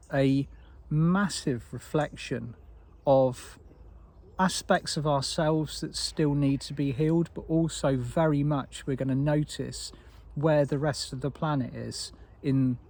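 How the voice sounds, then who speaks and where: Husky-voiced man giving a spiritual talk. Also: a little high, takes it slowly. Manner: soft, meandering, with frequent restarts. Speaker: spiritual teacher.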